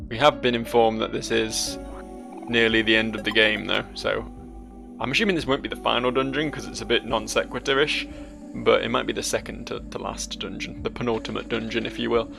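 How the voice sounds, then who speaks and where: Male gaming host, heavy vocal fry, casual and dryly musing, faint music underneath. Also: mid-range voice. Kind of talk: casual let's play commentary.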